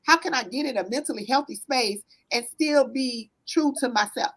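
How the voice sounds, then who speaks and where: A woman with a Southern US accent speaks as a guest therapist, earnest and conversational. Her voice sits a little high, and she leans on fillers and asks "right?" as she explains. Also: moderate pace, poor audio. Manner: earnest, warm storytelling with frequent "um" and "right?". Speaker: therapist, business owner guest. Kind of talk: conversational interview answers.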